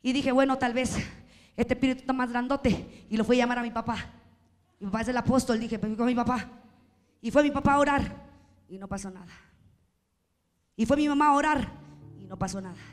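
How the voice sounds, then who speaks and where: A woman with a Mexican accent preaching a sermon, impassioned and often shouting in drawn-out, sing-song calls. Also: on the high side. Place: church hall. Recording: echoey hall with music behind.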